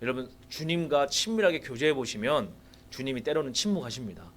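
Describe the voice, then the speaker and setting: A man's voice: medium pitch, brisk, a little hiss or hum. A man giving a sermon with a personal testimony in a church, telling his story with animation and turning to the congregation with questions. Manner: animated storytelling, acting out his own prayers; addresses the congregation directly with rhetorical questions. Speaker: guest preacher at a revival meeting. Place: church sanctuary.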